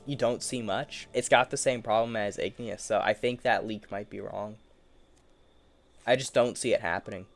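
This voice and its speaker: A man's voice: on the low side, normal speed, gravelly, faint music behind. A man giving casual solo commentary while he plays a game, rambling to himself in a playful, easily amused way. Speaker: gaming streamer.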